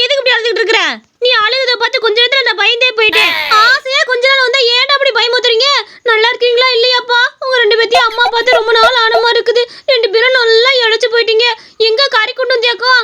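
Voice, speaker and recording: A woman's voice: very high-pitched, level tone, racing, sharp tone, a little hiss or hum. A woman voicing a doting village mother in a cartoon story, fussing tenderly over her sons. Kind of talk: cartoon voice acting.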